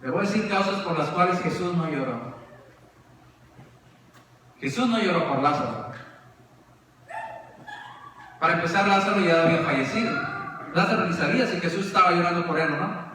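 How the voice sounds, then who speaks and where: A man preaching a sermon with dramatic swings, raising questions and dropping to hushed, low emphasis. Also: moderate pace, long pauses, slight background noise. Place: church sanctuary. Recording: echoey church hall, far from the mic.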